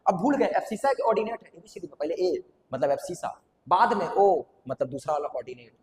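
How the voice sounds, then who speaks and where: Echoey math teacher. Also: male voice, high-pitched, expressive, a little fast, darkish tone. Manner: repeats key terms, quizzes students aloud. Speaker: coaching teacher. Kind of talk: classroom math lesson. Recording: echoey room with long reverb.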